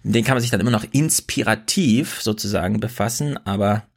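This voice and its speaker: A man's voice: fairly low pitch, quick pace, gravelly. A man in his thirties co-hosting a podcast, talking in a chatty, rambling way that often corrects itself mid-sentence. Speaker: podcast co-host. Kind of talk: casual chat.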